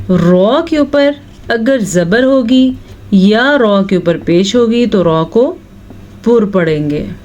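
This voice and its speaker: A woman teaching Quran recitation walks her students through each rule with patience, often checking in as she goes. Her pace is slow and unhurried, and her voice sits in an ordinary middle register. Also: medium pitch, a little mellow, a little hiss or hum. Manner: patient, explains each rule step by step, checks in with "theek hai". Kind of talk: recitation lesson with slow drawn-out chanting of verses.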